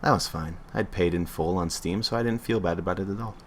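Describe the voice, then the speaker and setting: Fast and low-pitched, with a little hiss or hum in the audio, this man reads a creepy online story on a livestream. His casual reading is full of stumbles and self-corrections.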